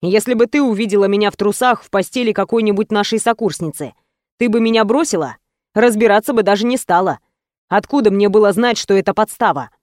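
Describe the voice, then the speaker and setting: A confident young man, the former lover, speaks in a lowered, intimate tone that turns reproachful, voiced by a woman narrating a romance audiobook. The recording is dry, with no room sound at all. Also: brisk, a little mellow, no room sound, natural voice.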